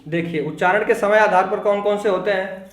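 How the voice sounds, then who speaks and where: A man teaching Hindi grammar in a classroom lecture, asking the class questions and answering them himself, repeating key terms slowly. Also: sits high, steady tone, roomy sound, slight background noise.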